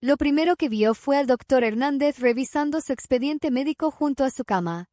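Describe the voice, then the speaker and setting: Woman storyteller, high voice, dry close recording, measured scripted narration. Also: mellow, no room sound.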